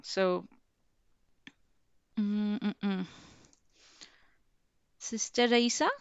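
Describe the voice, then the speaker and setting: A woman's voice: medium pitch, fairly even intonation, very slow, smooth, dry recording. A woman teaching grammar on a video call, patiently quizzing her students with guiding questions. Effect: video call audio. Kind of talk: online class, quizzing students. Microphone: computer mic on a video call. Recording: dull lo-fi video call audio.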